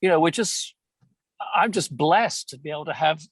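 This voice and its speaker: Sitting as a passenger in a moving car, the lead voice actor of an audio theater show gives a casual, effusive podcast interview, repeating words as he talks. His voice is on the high side, gravelly, fairly bright and breathy-edged, at a moderate pace in a dry recording.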